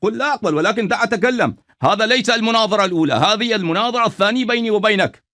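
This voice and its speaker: A man argues in a heated debate with a notably high voice and a fast delivery. He speaks in formal phrasing and presses his point over and over, breaking in to claim his turn. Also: pushed and bright. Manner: insistent, interrupting, formal phrasing.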